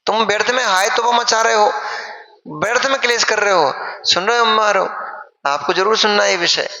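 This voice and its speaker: A man, a monk, giving an animated sermon and acting out wailing mourners. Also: high voice, a little fast. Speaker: Jain monk preacher. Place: large sermon hall. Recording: echoey hall, dull lo-fi sound.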